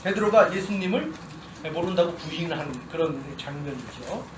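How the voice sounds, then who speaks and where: A man's voice: on the high side, lively intonation, moderate pace. A male pastor preaching a sermon, reading scripture and then explaining it with questions to the congregation. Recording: echoey church hall, distant mic, noise.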